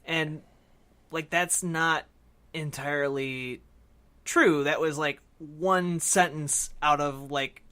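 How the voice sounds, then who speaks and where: A man co-hosting a podcast talks about film in a casual, halting, wandering manner, feeling out his points and hedging as he goes. His voice is fairly high and very bright, with a steady, clean tone.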